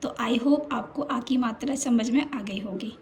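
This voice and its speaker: A woman's voice: fairly high pitch, a little slow, a little mellow, a little hiss or hum. A woman teaching a children's lesson, patient and drawing out each sound as she repeats it.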